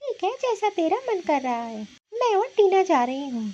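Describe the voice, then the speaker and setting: A woman voicing a gentle, peacemaking older mother-in-law in a cartoon, in a soft, lower voice. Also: big pitch swings, moderate pace, muffled recording. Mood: soothing. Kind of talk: cartoon voice acting.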